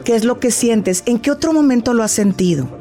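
Speaking briskly and expressively in a fairly high voice, a middle-aged woman who works as a grief therapist gives a patient, explanatory interview. Her manner is warm and instructive, and she plays out small conversations with a child.

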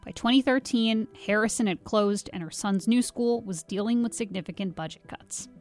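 A woman reporter narrates a news feature in a clear, even storytelling voice. Her pitch sits in a middle range. Soft music plays faintly behind her. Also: normal speed. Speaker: radio reporter. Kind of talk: scripted narration.

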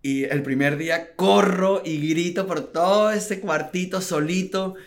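A man with a somewhat high voice recounts his story in a relaxed interview. He talks with animation, acts out what people said and often breaks into laughter. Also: unhurried. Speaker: guest entrepreneur.

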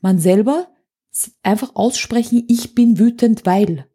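Speaking in a fairly high, mellow voice with a breathy edge, this anger coach takes a measured pace as a podcast guest. In the conversational interview she makes her points emphatically, using vivid examples.

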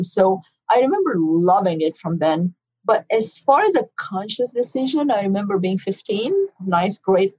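A middle-aged woman with a Romanian accent, speaking at a middling pitch for a woman. She is a doctor being interviewed, and she recalls her early years in a thoughtful, storytelling manner. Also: a little mellow, poor audio. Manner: reflective storytelling. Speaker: guest, physician. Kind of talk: interview conversation.

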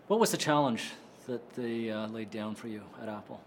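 A man hosting an interview, asking curious, measured questions. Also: fairly low pitch, slight background noise. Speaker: interview host.

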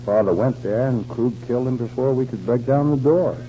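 A man's voice: mid-range voice, a little fast, a little hiss or hum, close to an everyday voice. An actor playing an earnest newspaperman and ardent lover in a 1940s radio drama. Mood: urgent, excited. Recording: dull vintage radio, loud music behind.

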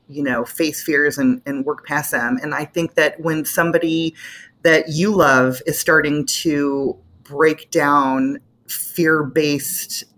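A woman co-hosting a casual podcast chat, playful and given to joking. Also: sits low. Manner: playful, jokes and acts out loudly. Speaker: podcast co-host.

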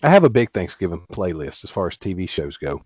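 A man's voice: deep voice, very animated, quick pace, darkish tone, breathy edge, dry recording, lo-fi sound. A man co-hosting a podcast, chatting casually and telling joking stories. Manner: joking, storytelling. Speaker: podcast co-host. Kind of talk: casual chat.

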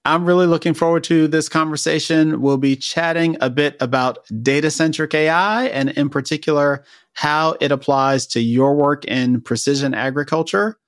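A man hosting an interview podcast, asking questions in a relaxed conversational way. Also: a little high, normal speed, hardly any pauses, dry recording, studio quality. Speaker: podcast host.

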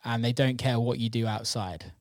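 A podcast host who produces music and runs a record label chats casually about the music scene and his work, rambling informally and swearing now and then. His medium-pitched voice is steady in tone and moderate in pace, recorded with studio quality and no echo.

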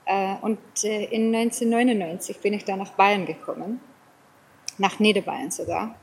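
A woman's voice: mid-range voice, steady tone, moderate pace, gravelly, rough recording. Interview guest, mature woman, English accent in German with Bavarian colouring, hesitant phrasing, some noise behind. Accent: English-accented German with Bavarian touches. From South Africa. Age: middle-aged or older. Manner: hesitant, searching for words, repeats phrases. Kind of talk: casual conversational interview.

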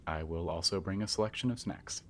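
A man's voice: sits low, brisk, fairly bright tone. A man voicing a polite male butler android who speaks in formal, courteous servant phrases.

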